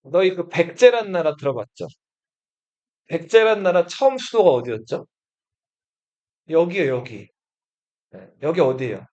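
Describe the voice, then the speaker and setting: A man's voice: high-pitched, sing-song, a little slow, long pauses, a little mellow, muffled recording. A male history teacher lecturing a class, often asking the students questions and repeating their answers.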